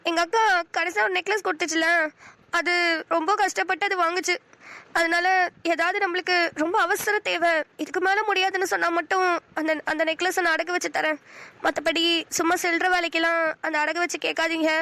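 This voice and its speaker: A woman voicing a gentle, anxious young bride in a cartoon, speaking softly and pleadingly. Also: very high voice, fairly even intonation, brisk, no room sound, full character voice. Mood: worried. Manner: soft, worried, pleading. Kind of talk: cartoon voice acting.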